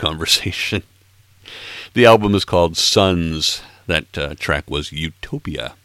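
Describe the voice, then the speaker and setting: Between tracks on his music podcast, a man in his late sixties chats casually, tossing in playful jabs at himself. His very low voice is gravelly, bright and forceful, with a slightly hoarse, froggy throat. The close, dry recording carries no room sound.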